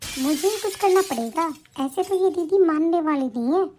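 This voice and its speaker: A woman voicing a dutiful young sister-in-law who firmly and indignantly stands up for herself in an animated story. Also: extremely high pitch, moderate pace, a little hiss or hum. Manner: firm, indignant, lecturing.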